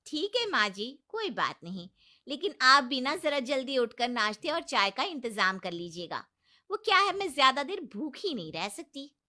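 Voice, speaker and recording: Casting: a woman doing a cheeky young bride, defiant and loud, high and very bright. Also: very animated, normal speed, heavily acted. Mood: sly. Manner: defiant, sassy, loud retorts. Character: bold, sharp-tongued new young daughter-in-law.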